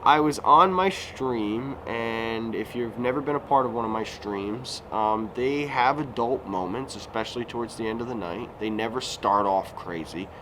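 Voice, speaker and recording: Filming outdoors at a resort recreation area, a man in his thirties, a YouTuber, talks casually in a rambling vlog with plenty of fillers and self-corrections. His medium-pitched voice moves at a moderate pace with few pauses, while passing vehicles make the recording noisy.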